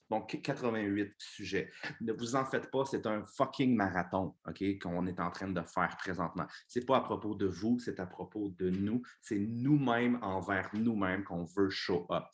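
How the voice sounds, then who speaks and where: A man with a Québécois French accent giving an energetic motivational talk to his business team, casually swearing and mixing in English words. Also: lowish voice.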